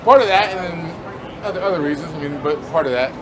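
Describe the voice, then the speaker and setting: A man's voice: on the high side, fast, a crowd in the background, low-quality recording. A man from El Salvador answering a street interviewer with guarded, short replies that trail off. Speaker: passerby being interviewed. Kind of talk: casual street conversation.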